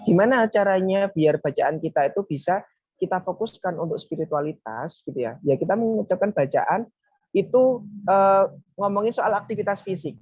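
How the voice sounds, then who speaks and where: A relaxed religious speaker gives a casual Friday talk. The speaker explains step by step at a medium pitch, often circling back with little wrap-up phrases. The recording is dull and lo-fi, with a dry, close sound. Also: normal speed, slightly rough, dry recording. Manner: relaxed, explaining step by step, often saying "nah, itu gitu"; talks to a helper advancing slides.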